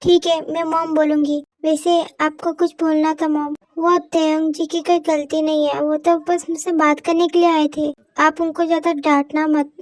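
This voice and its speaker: A woman's voice: sits high, flat delivery, moderate pace, few pauses, no room sound, natural voice, rough recording. A woman voicing a shy, embarrassed young woman who keeps pleading with her elders in a fan-fiction voice story. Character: shy, flustered young woman, a new bride-to-be.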